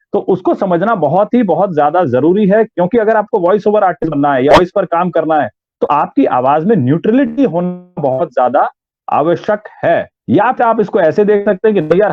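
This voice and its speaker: A man's voice: high-pitched, dry recording. A man from Uttarakhand, a voice and theatre artist, giving an interview about voice training and demonstrating sounds aloud. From Uttarakhand, India. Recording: tinny phone-like line, dry.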